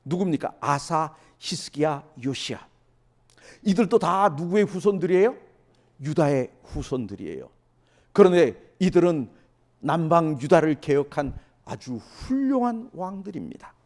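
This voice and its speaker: A man preaching a sermon as a pastor. He keeps asking the congregation questions and answering them himself, and he swings from loud emphatic lines down to hushed asides. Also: fairly high pitch, sing-song, unhurried.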